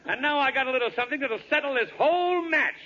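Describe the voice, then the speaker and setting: A man's voice: very high voice, lively intonation, fast. An actor playing a boastful tough-guy wrestler who taunts gleefully in a 1940s radio comedy. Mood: gleeful menace. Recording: muffled, noisy old radio recording.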